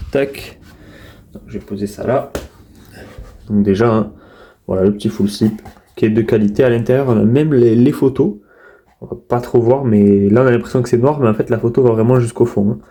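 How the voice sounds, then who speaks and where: A man with a very dark, mellow voice walks through his latest purchases in a relaxed unboxing chat. He talks at a middle pitch, hesitant and chatty, often restarting his sentences and filling gaps with little sounds. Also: moderate pace, pauses often. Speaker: collector unboxing steelbooks. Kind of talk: casual unboxing commentary.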